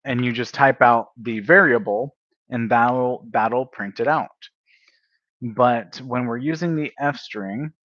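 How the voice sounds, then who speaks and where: A man livestreaming a casual coding study session, thinking aloud, correcting himself and filling pauses as he works through examples. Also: mid-range voice, dry recording, lo-fi sound. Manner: unhurried, thinks aloud, self-correcting with fillers.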